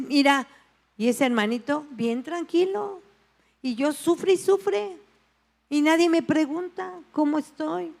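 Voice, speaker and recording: A woman pastor with a Mexican Spanish accent, preaching a sermon and telling a personal story with lively acted-out voices and prayers. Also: high-pitched.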